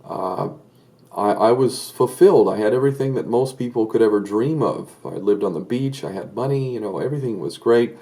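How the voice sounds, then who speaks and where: A political commentator from Southern California delivers a solo video commentary in a low, mellow voice. He talks fairly quickly and earnestly, though he hesitates a lot, with many fillers and restarts.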